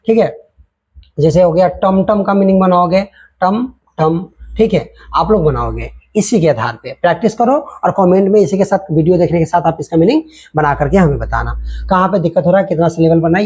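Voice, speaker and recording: A man's voice: high-pitched, darkish tone, breathy edge. A man teaching a lesson, explaining step by step and speaking directly to his students.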